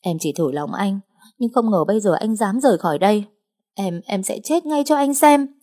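A woman voicing a distraught, clingy young woman who pleads and threatens in shrill outbursts in an audiobook. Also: fairly quick, mellow, natural voice. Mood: hysterical. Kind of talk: audiobook character voice.

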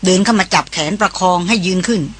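Woman audiobook narrator, bright tone, steady and vivid storytelling. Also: medium pitch, fast, husky. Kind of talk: scripted narration.

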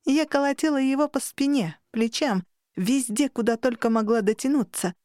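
A woman narrating a fantasy audiobook in the first person, with expressive, steady storytelling. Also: on the high side, normal speed, no echo, clean studio sound.

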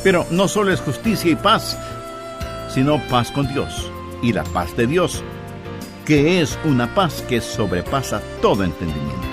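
A man preaching a dubbed sermon, telling a story with expressive delivery. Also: mid-range voice, a little slow, music in the background.

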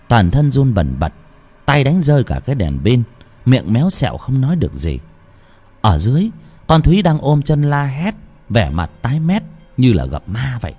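In a mid-range, darkish, husky voice, a man narrates a ghost story in a theatrical, suspenseful style. This dramatic horror narration plays over faint background music.

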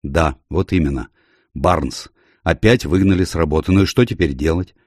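A gruff, grumbling landlady, as a man reads her, blunt in every word yet kind underneath. The voice stays low, dark and slightly husky. The recording is dry and close. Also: moderate pace, no room sound.

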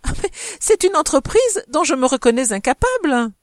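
A woman's voice: high voice, unhurried, dry recording, clean studio sound, pitched above the performer's own voice. A woman reading the part of a timid young society wife in an audiobook, raising her voice in surprise and stammering when unsure. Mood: surprised. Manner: raised, surprised, hesitant stammering.

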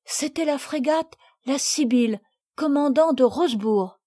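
Frail, polite peasant girl in a storybook, read by a woman; high, soft, close and dry. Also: a little slow, dry recording. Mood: meek, pleading. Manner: timid and polite, higher childlike voice. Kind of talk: audiobook character reading.

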